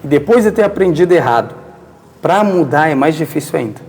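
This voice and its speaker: A man's voice: fairly high pitch, lively intonation, brisk, vocal fry, a little mellow. A man whose first language is Arabic, teaching a religious lesson and constantly asking rhetorical questions that he answers himself. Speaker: Islamic teacher. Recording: long reverberant hall echo.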